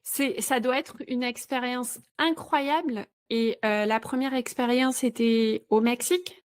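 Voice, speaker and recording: A woman's voice: a little high, steady tone, a little slow, no echo. Upbeat woman podcast host, dry sound. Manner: warm, enthusiastic, laughs along. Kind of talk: casual podcast interview.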